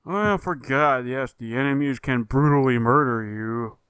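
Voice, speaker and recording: A man co-hosting a casual gaming podcast, talking in a slow, agreeable and hesitant way. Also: medium pitch, fairly bright tone, clear, resonant tone, no echo. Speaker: podcast co-host.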